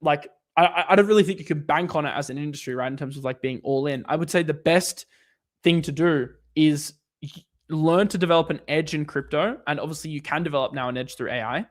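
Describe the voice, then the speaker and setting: A man talks through viewer questions on a casual livestream, his voice sitting a bit higher than most men's. He rambles, circles back and restarts his sentences often. His speech is thick with fillers as he thinks aloud. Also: brisk. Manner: loose, rambling, lots of "like" and restarts.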